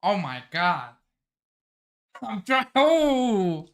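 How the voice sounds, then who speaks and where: A man reacting live to a new manga chapter, his voice swinging widely as he exclaims and then trails off in thought. He takes his time, pausing and restarting while piecing things together. His tone is bright and forward. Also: sits high, sing-song. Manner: exclamatory, thinks aloud with restarts. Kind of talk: excited live reading reaction.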